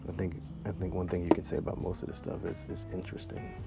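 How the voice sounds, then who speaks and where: A travel vlogger in his forties muses aloud with fillers as he browses a large library, offering casual vlog commentary. His low voice is completely flat and quick-paced. It's picked up by a handheld or chest-mounted action camera, with background music clearly audible beneath him.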